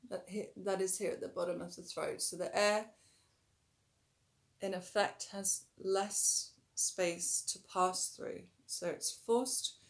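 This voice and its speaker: A calm yoga instructor explains a breathing technique in a mid-range voice with a touch of roughness today. As she leads the breath, she occasionally elongates words and lets her volume fall.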